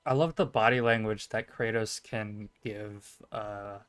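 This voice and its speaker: A man's voice: lowish voice, fairly even intonation, measured pace, a bit bright, smooth. A man streaming a game, chatting casually and thinking aloud, swearing now and then. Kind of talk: casual gameplay commentary.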